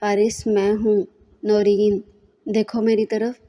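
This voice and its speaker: A woman reading as a gentle, timid young wife. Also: medium pitch, flat delivery, slow pace, long reverb tail, lightly acted. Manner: soft, hesitant pleading.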